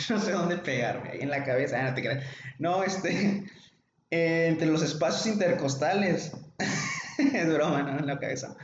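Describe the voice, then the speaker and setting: A medical lecturer with a Mexican Spanish accent teaches an informal online class, chatting, joking, and calling on students by name. His fairly high voice swings widely in pitch, and he speaks slowly with long pauses. The recording is echoey, dull, and lo-fi, with a little hiss or hum.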